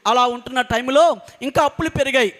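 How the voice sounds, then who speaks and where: A man's voice: extremely high pitch, fast talker, a bit bright. A man, a preacher telling his family's testimony in an earnest way and driving points home by repeating them. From coastal Andhra Pradesh, India. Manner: earnest storytelling with emphatic repetition. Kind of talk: sermon testimony.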